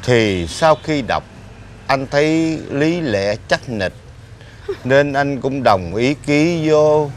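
An actor playing a blind, middle-aged ex-husband who pleads and complains at length in a TV drama. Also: male voice, medium pitch, expressive, slow, slight background noise. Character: blind middle-aged man, self-pitying, talkative. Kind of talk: TV drama acting.

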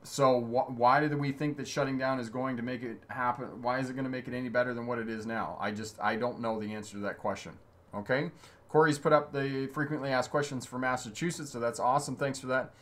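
A driving instructor and channel host in his fifties, from Ontario, Canada, runs a relaxed webcam livestream from a small home studio with signs on the wall. His mid-range voice is steady, slightly fast and a bit bright as he reads viewer comments aloud and answers them in an upbeat, encouraging way.

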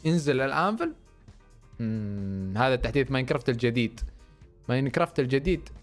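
A young man commentating a video game playthrough, switching between low muttering and loud excited outbursts. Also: rapid-fire. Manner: animated, swings between muttering and excited shouts. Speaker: gaming YouTuber. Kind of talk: Minecraft let's-play commentary. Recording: faint background music.

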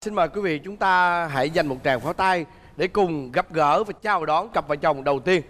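A man's voice: on the high side, moderate pace, fairly bright tone, faint music behind. A middle-aged man, hosting a talk show and interviewing guests. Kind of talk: presenting and interviewing. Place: TV studio stage. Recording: reverberant hall, faint noise.

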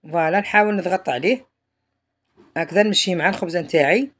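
A woman's voice: fairly low pitch, fast. A woman with an Algerian Arabic accent, narrating a home cooking tutorial in a chatty way, often trailing off mid-phrase. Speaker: home cook.

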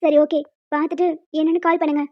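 A woman voicing a stern, bossy middle-aged female hostel warden in a cartoon, speaking in a lower, scolding voice. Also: flat delivery, fast talker, dry recording, dull audio, lightly acted. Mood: concerned. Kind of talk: cartoon voice acting.

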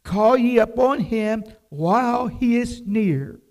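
An older man preaching a devotional sermon from a church pulpit, slow and emphatic, reading scripture aloud. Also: very high-pitched, lively intonation, darkish tone. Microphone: pulpit microphone, far camera.

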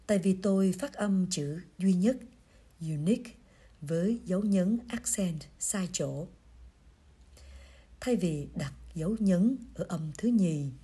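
A woman reading a priest's pastoral reflection aloud in a gentle, measured storytelling way. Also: on the low side. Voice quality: very breathy, husky voice. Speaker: reader of a priest's pastoral letter.

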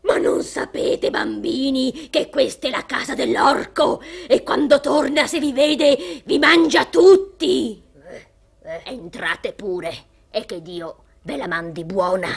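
Guy doing an anxious old-tale wife, high croaky voice, slow warning tone. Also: crowd noise, exaggerated voice. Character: ogre's wife, worried kindly woman.

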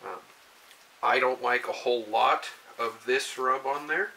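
A young, laid-back home cooking show host talks through a casual cooking demonstration step by step in a folksy way, his mid-range voice sharp in tone and measured in pace. A moving camera mic, with him off frame, catches him in a home kitchen with a pan frying and sizzling behind, and the low-quality recording has a little hiss or hum.

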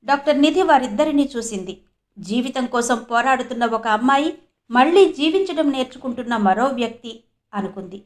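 A woman narrating a scripted story in an even, measured reading voice. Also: sits high.

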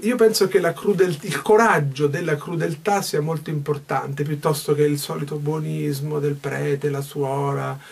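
Reflective gravelly man in his fifties. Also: on the high side, steady tone, normal speed, hardly any pauses. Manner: reflective, gestures a lot, restarts mid-phrase. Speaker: stage actor. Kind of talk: backstage interview. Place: small dressing room indoors.

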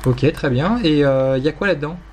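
A man's voice: fairly high pitch, fairly quick, darkish tone, a little hiss or hum. A young man casually commenting on his Minecraft gameplay, rambling playfully, teasing and mocking himself. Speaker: gaming YouTuber.

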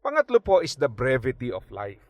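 This Filipino radio host speaks at a medium pitch and a little fast, with no echo, as he delivers a Bible talk from the studio. His manner is chatty, blending English phrases and frequent tag questions. Stories bring out a livelier, animated delivery.

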